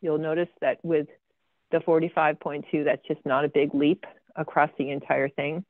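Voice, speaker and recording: A woman's voice: low voice, level tone, normal speed, no room sound. A woman giving a slide presentation about her research. She talks with frequent ums and dry, sarcastic asides. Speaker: guest speaker presenting research. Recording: tinny phone-like video call audio, dry.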